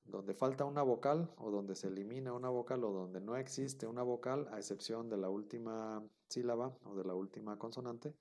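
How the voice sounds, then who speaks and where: A man's voice: lowish voice, gravelly, a little mellow. A man teaching a grammar class, explaining step by step and checking in with his students. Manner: explanatory, repeats key terms, checks with "¿no?". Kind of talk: recorded classroom lecture.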